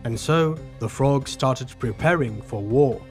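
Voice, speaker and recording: A man giving scripted documentary narration in a measured storytelling manner. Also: medium pitch. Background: soft background music.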